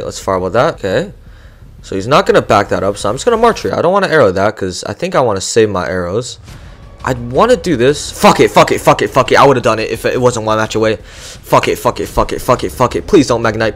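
A young man giving live gameplay commentary, excitable and swearing often, swinging from muttering to yelling. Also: mid-range voice. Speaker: gaming YouTuber.

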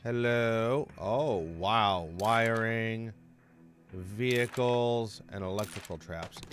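A man's voice: lowish voice, slow pace, fairly bright tone, a little hiss or hum. A man hosting a gaming channel, giving chatty let's-play commentary, talking to himself and the enemies and swearing when he gets hurt.

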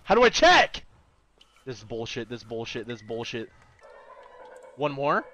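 A man in his twenties, a game streamer, reacting live to horror games with excitable, profane chat, frantic repeated words and yelps, on a headset mic at home. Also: medium pitch, moderate pace, heavy background noise. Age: 20s. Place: home room, indoors.

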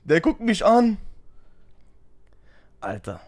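A man's voice: on the high side, moderate pace. A man telling a funny story in casual street slang, laughing often as he goes. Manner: animated, slangy, keeps saying "Bruder".

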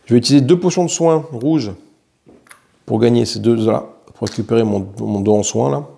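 A man's voice: mid-range voice, moderate pace, creaky, warm tone. A man with a French accent playing a solo board game, thinking aloud as he counts dice and swears lightly at bad rolls. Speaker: board game player narrating his solo play.

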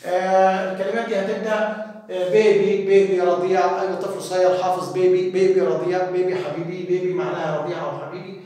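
Egyptian male teacher, quick and high-pitched, repeats words, distant echoey hall recording. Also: flat delivery, warm tone. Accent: Egyptian Arabic. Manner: repeats each word, then explains it. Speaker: English teacher. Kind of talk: spoken English vocabulary lesson for parents.

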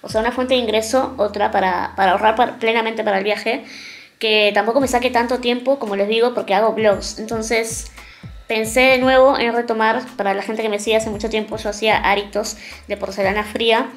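At home in a small room, a young woman with a Rioplatense Argentine accent vlogs casually to the camera. She speaks fairly quickly at a fairly high pitch with a steady tone, and faint music plays behind her.

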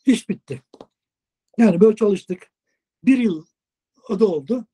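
A man, a long-haul truck driver, telling a lively casual story in an interview, acting out dialogue and swearing casually. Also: high-pitched, measured pace, slightly rough. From Turkey.

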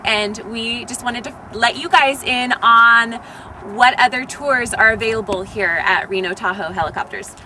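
A woman's voice: on the high side, normal speed, sharp tone. A young woman hosting a travel show, chatting upbeat and enthusiastic outdoors at an airfield. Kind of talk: casual hosting chat. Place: outdoors beside a helicopter at an airfield. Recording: distant mic with some background noise.

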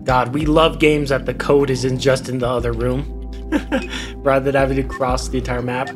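A young man casually commenting while he plays a video game, chatty and quick to react and laugh. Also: mid-range voice, little pitch movement. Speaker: gaming YouTuber. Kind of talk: casual let's play commentary. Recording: game music behind the voice. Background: game music.

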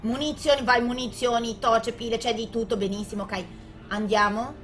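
Bright chatty woman gaming host. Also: on the high side, fairly even intonation, slight background noise, low-quality recording. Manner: chatty, talks to the game character; quick to alarm, frequent restarts. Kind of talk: let's play commentary.

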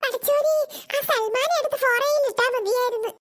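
Very high squeaky little cartoon schoolgirls, chattering and giggly. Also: brisk, fairly bright tone. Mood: worried. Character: chattering young schoolgirls, cheeky and gossipy. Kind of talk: cartoon voice acting.

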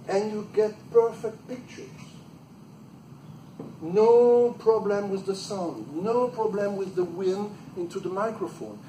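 With a high voice, a middle-aged man whose native language is French presents a plenary session in a chatty, self-deprecating manner, laughing softly at times. He is heard through a far camera in an echoey meeting room, with background noise and a French accent.

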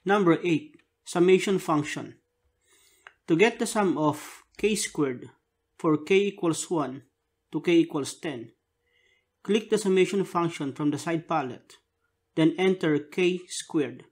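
Guy w slightly high voice doing a software tutorial, dictating each key and symbol bit by bit. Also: unhurried, pauses often, breathy edge. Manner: dictating step by step, spelling out keys and symbols in short separate phrases. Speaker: tutorial narrator. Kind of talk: scripted instructional narration.

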